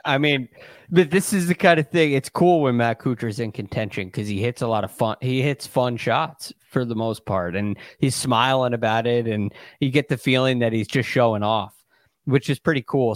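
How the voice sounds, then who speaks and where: A man's voice: medium pitch, moderate pace, no room sound, studio quality. A man co-hosting as a golf commentator, explaining shots in a casual, conversational way with hesitant phrasing. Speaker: golf podcast co-host and analyst.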